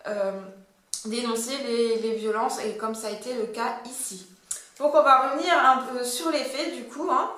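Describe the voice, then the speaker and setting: A woman's voice: on the high side, a bit bright. Hesitant french woman talking it through, lots of euh and restarts, very echoey room. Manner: hesitant, many fillers and self-corrections. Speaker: commentator. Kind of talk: casual explainer video.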